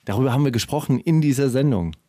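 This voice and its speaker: A man hosting a podcast in a casual chat, halting and restarting his phrases, chuckling as he talks. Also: medium pitch, lively intonation, dark tone, dry recording, clean studio sound. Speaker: podcast host.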